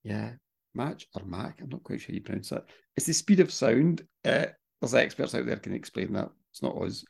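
Gravelly-voiced Irish man, chatty co-host. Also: medium pitch, animated, a little fast, a little mellow. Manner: chatty, swears casually, self-deprecating. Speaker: podcast co-host. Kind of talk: casual chat.

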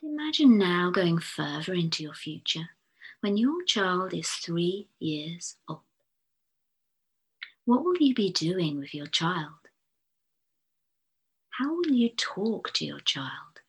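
A woman, a fertility therapist, speaking a whispered guided visualisation in a slow, soothing, hushed delivery. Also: lowish voice, big pitch swings, breathy edge.

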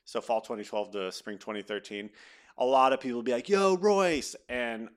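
Lively low-voiced man telling stories. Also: brisk. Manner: animated, acts out quoted voices while telling stories. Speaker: podcast guest. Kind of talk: casual storytelling interview.

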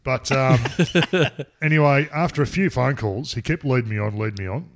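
A man's voice: mid-range voice, expressive, moderate pace, a little hiss or hum. A middle-aged man with an Australian accent telling a rambling, crude story in casual chat. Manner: rambling, crude, laughs at himself.

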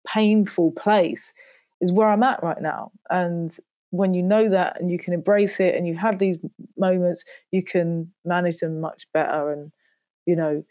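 Measured and dark-toned, this woman's lowish voice holds a fairly even intonation with no echo. A singer and podcaster in her forties, she reflects candidly in an interview on her work and loneliness, saying "you know" often.

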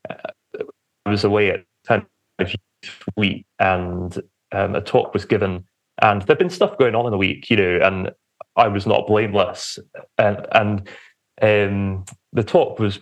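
Young male podcast guest, slightly low voice, hesitant conversational testimony. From England, Romford in Essex on the edge of London. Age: young adult. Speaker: podcast guest, church minister.

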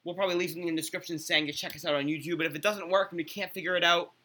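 A man's voice: a little high, steady tone, very fast, noisy background. A young man hosting a podcast in casual chat, rambling with restarts and blunt teasing. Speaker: podcast host.

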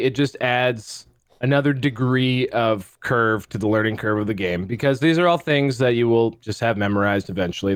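Animated guy cohosting a wargame podcast, bouncy voice, dry sound. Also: mid-range voice, no echo. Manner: animated, rambling, self-interrupting. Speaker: co-host. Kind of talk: casual podcast chat about tabletop wargames.

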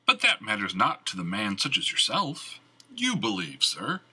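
A man voicing a gruff, loyal older squire with blunt country speech, in an audiobook. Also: lowish voice, huge pitch swings, normal speed, bright, forceful tone, heavily acted, low-quality recording. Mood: earnest. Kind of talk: audiobook character reading.

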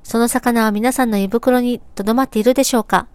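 A woman with a fairly high, smooth and resonant voice reads a sermon text aloud. Her delivery is calm and measured, a steady scripted recitation. The sound is dry and close, with no room around it. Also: no echo. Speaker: reader of religious teachings.

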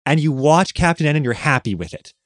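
Male podcast co-host, sarcastic casual riffing, animated delivery, dry booth sound. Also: fairly high pitch, fairly quick, dry recording. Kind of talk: casual chat.

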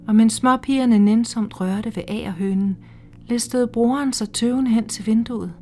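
Hushed woman reading a literary story. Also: medium pitch. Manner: slow, hushed, measured storytelling. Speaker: reader. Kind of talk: scripted literary narration. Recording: faint music underneath.

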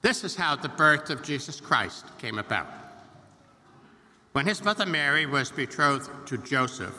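A man's voice: fairly high pitch, big pitch swings, pushed and bright. Man reading scripture in cathedral echo. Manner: measured, formal proclamation. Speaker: gospel reader at Mass. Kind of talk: solemn liturgical reading. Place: large church. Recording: long church reverb, faint hiss.

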